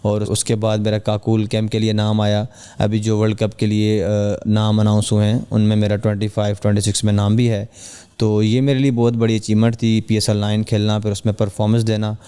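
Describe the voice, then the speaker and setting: A young man from Pakistan speaks as a podcast guest in a low, mellow and smooth voice. He keeps an even, flat delivery. His earnest answers are measured and broken by hesitant fillers. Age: young adult. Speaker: cricketer guest. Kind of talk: podcast interview.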